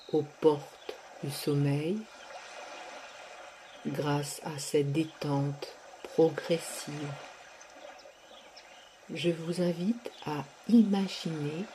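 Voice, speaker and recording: A woman leading a guided sophrology relaxation, speaking softly and drawing out her words with long pauses. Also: deep voice, a little hiss or hum. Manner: slow, soft, drawn-out delivery with long pauses.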